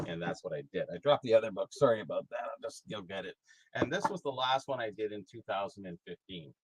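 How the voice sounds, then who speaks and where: A middle-aged man with a slightly low, husky voice talks in loose, rambling sentences full of "uh" and restarts. The sound is dry and close, with no room around it. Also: animated, fast, dry recording, poor audio. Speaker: guest, hobby historian and price guide author. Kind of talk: casual conversation.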